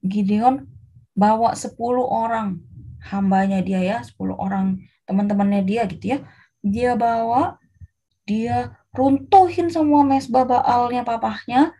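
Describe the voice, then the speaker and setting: A woman preaching to children, telling a Bible story in a lively, animated way. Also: fairly high pitch, unhurried, long pauses, slightly rough.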